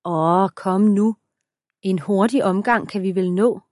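A woman's voice: mid-range voice, darkish tone, no echo, studio quality, close to an everyday voice. A woman voicing a playful, lustful young husband who speaks in a teasing, cheeky way.

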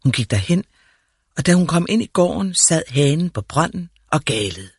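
A man narrating a fairy tale in a calm, measured storytelling manner. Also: a little high, breathy edge, no room sound, studio quality.

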